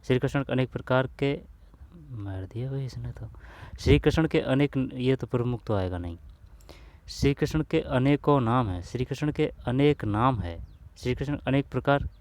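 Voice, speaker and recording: A man's voice: medium pitch, expressive, moderate pace, darkish tone, no echo. Man muttering through exam questions aloud. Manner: thinks aloud, repeats phrases, mutters to himself; addresses viewers as bhai, asks if they understood. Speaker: exam coach. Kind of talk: casual Hindi grammar lesson solving old exam questions.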